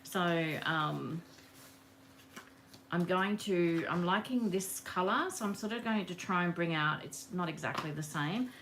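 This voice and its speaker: A woman hosts a live craft session from her table at home, talking in a loose, rambling way and greeting viewers by name as she works. Her voice sits a little low, with a faint hiss behind it. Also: a bit bright. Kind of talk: casual live craft demo chat. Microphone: camera on the work table.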